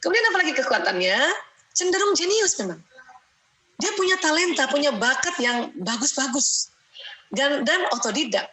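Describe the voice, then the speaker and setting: Bright-voiced woman giving a lively seminar. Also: high voice, normal speed, poor audio. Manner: lively, often laughing, quotes her children; peppers sentences with "ya". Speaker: parenting seminar speaker. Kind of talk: seminar talk to an audience.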